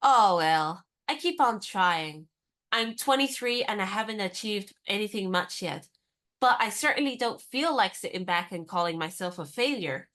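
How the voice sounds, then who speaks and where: A woman acts the spirited young American heroine of a radio comedy, brisk and forthright with a mid-pitched, natural voice of fairly bright tone. Animated and direct, she sounds independent and encouraging, as though nothing could daunt her.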